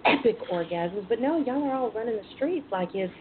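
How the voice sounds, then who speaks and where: A woman's voice: on the high side, expressive, normal speed. A woman hosting a casual radio talk show in a chatty, sassy, bawdy manner. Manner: sassy, bawdy, uses endearments. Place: front porch at home. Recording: phone-like internet radio line with hiss.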